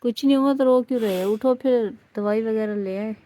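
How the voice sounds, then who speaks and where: Worried, questioning woman with a warm voice. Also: on the high side. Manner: worried, questioning, repeats herself. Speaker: vlogger's wife. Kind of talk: casual home vlog.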